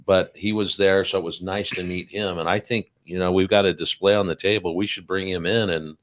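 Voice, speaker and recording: A man's voice: low voice, steady tone, brisk, fairly bright tone. A man co-hosting a casual interview, chatty and joking, with plenty of fillers and restarts. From Salt Lake City, Utah. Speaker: podcast co-host.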